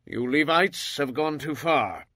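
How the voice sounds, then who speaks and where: An actor portrays a commanding, stern male prophet leader in a dramatized scripture reading, sounding forceful and sometimes pleading over faint music. His fairly high voice is expressive and a little slow, with no room sound.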